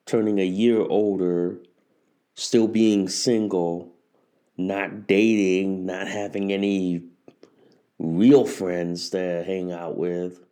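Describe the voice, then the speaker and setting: Deep and warm, with little movement in pitch and a slow pace, this voice belongs to a forties-aged man running a laid-back solo podcast. His talk wanders and repeats, with phrases frequently begun again.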